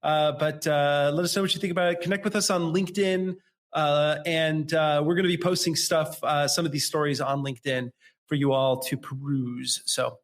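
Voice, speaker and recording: A man's voice: on the high side, steady tone, normal speed. A man co-hosting a marketing podcast in casual chat, eager and often restarting his sentences. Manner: enthusiastic, stumbling restarts. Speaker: podcast co-host.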